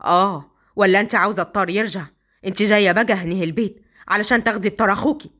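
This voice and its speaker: A woman's voice: mid-range voice, rapid-fire, fairly bright tone, voice pushed down, natural voice. A woman with an Egyptian accent voicing a stern, suspicious young husband who speaks coldly and accusingly, in a storybook romance. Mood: threatening. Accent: Egyptian Arabic. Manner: cold, accusing, then muttering to himself.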